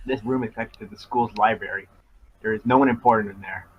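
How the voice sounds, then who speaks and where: Cold gunman on a loudspeaker, read by a man. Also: on the low side, fairly even intonation, fast talker, muffled recording, very noisy, close to an everyday voice. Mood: menacing. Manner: cold, commanding. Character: menacing male gunman on school loudspeaker.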